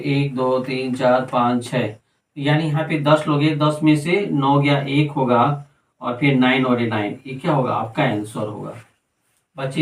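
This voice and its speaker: A man's voice: mid-range voice, roomy sound, recorded from a distance, low-quality recording. A man teaching a math lesson step by step, counting aloud and answering his own questions as he works.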